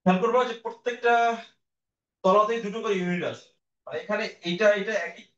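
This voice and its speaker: High-voiced man teaching in an echoey room. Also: fairly even intonation, a bit bright. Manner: explains slowly, demonstrates vowel sounds aloud; addresses students directly, patient. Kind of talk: recorded online class lecture. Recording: dull, echoey room audio.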